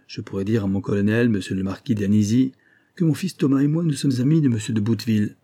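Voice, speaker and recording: A man's voice: lowish voice, fast talker, dark tone, husky. A man reading an audiobook, voicing a boastful, fawning old army major with a blustering manner. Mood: proud. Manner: blustering, eager to please.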